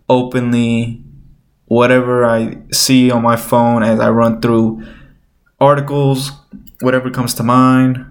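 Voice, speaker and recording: A man with a nasal, slightly stuffed-up voice, rambling informally as he hosts an unscripted solo show. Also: medium pitch. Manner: rambling, informal, thinking aloud. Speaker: host of a solo podcast. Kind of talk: unscripted casual chat.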